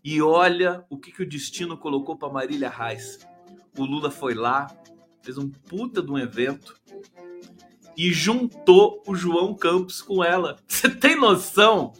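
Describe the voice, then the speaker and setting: A man hosting a live stream, giving teasing, animated political commentary. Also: on the high side, unhurried, soft background music.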